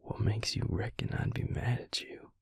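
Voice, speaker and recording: Playing a devoted, protective vampire lover, a man talks gently and unhurriedly in a husky, breathy near-whisper in an intimate romantic audio roleplay. He moves at a moderate pace, worried yet tender, in a voice close to his everyday one, with no room sound.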